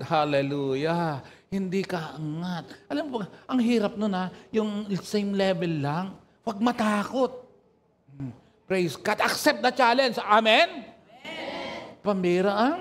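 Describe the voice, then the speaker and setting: A man's voice: sits high, slight background noise. A male pastor from the northern Philippines preaching a sermon, telling stories and calling for amens from the congregation. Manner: animated storytelling, calls for amen from the congregation.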